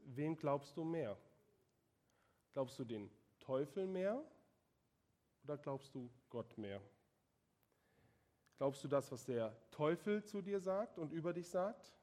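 Emphatic male preacher, slightly high voice. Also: a little mellow. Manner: emphatic, asks the congregation direct questions. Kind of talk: sermon.

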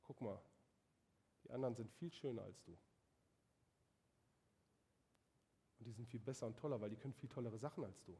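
Scornful male devil, low and quiet, belittling, played by a male preacher. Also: animated, moderate pace, breathy edge. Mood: sneering.

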